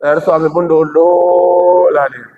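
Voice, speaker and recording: A man's voice: fairly high pitch, little pitch movement, measured pace. A man preaching a humorous sermon with a Medan Indonesian accent, joking and acting out quoted voices. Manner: jokey, playful, acts out quoted voices. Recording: dull lo-fi recording.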